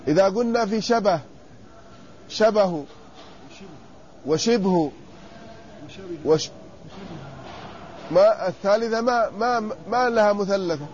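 Guy teaching a class, high dark voice, drags words out and quizzes students, muffled old tape. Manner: drawn-out repetition of word forms, questioning students. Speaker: sheikh teaching inheritance law. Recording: muffled lo-fi lecture recording with faint noise.

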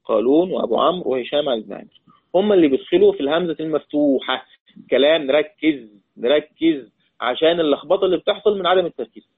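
Man, Egyptian accent, teacher, drawn-out recitation, tinny phone-line recording. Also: a little high, animated, slightly rough. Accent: Egyptian Arabic. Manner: repeats points, quizzes listeners, draws out recited words. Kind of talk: classroom lesson.

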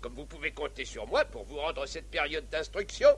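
Martinet captain for farce: bright, high, forceful drill-sergeant delivery, sarcastic and pompous. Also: male voice, expressive, normal speed, breathy edge, exaggerated voice. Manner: drill sergeant bark, clipped commands, mock politeness. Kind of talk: theatrical stage farce acting.

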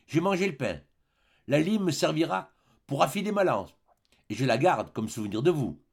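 A man's voice: on the high side, lively intonation, moderate pace, gravelly, husky, exaggerated voice. A man reading an audiobook, voicing a polite, earnest young soldier close to his own voice.

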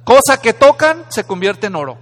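A man preaches in a bright, high voice with a crisp edge. He talks dramatically and conversationally, asking questions of his listeners, and his voice carries with long reverb through a hall. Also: big pitch swings, normal speed. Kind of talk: sermon. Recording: echoey hall.

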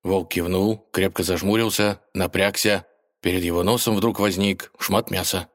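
A man narrating a children's fairy tale audiobook in a calm storytelling manner. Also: low-pitched, normal speed, dry recording, studio quality. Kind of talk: scripted narration.

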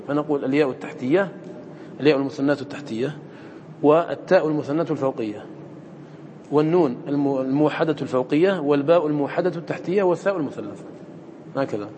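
Speaking to students in a lecture room, a man whose voice is slightly high and darkish explains a poem bit by bit during a recitation lesson, quizzing them with short questions along the way. The hall is echoey, with faint noise in the background.

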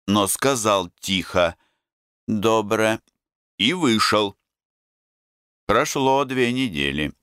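Slow, low-voiced male audiobook narrator. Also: clean tone, no echo, clean studio sound. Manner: measured, calm, deliberate storytelling. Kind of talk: scripted literary narration.

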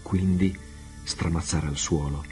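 A man reading a novel aloud, measured and unhurried. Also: low-pitched, steady tone, music in the background. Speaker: reader. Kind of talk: audiobook narration.

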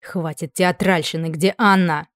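A woman voicing a grim, menacing young dragon-lord duke who talks in short, low, growled lines, in a dry recording. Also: fairly even intonation, unhurried, no echo, natural voice.

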